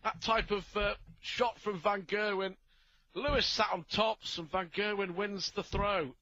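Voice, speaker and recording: A man's voice: high-pitched, fairly even intonation, measured pace, sharp tone, no room sound, highs cut off. A man giving live darts commentary, offering opinionated analysis between throws.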